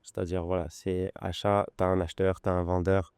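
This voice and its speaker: A Lyon-accented Frenchman in his forties, a luxury goods broker, guests on a podcast and tells his story in an unhurried, hesitant way with frequent pauses. His deep, dark, mellow voice stays level in tone, sounding clear and smooth. The conversational interview is captured close-miked in a dry studio.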